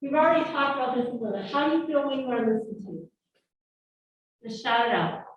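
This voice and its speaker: In a classroom, a female instructor leads a live leadership workshop, lively and coaxing answers out of the audience. Her voice is fairly high and brisk, captured by a distant, muffled mic in an echoey room.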